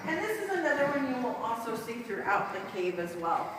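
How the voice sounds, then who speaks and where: A woman's voice: on the high side, very animated, brisk, fairly bright tone, far from the mic. A woman working as a cave tour guide, explaining things informally to a group of visitors inside a large cave. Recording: very echoey cave, long reverb, background noise.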